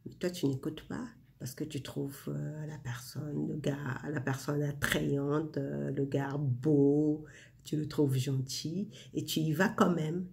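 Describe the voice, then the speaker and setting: Speaking straight to her audience as she winds down for bed, this forties-aged spiritual vlogger shares inspiration in a casual, intimate way, leaning on frequent fillers. Her voice is low, gravelly and darkish, with a steady tone and slow pace.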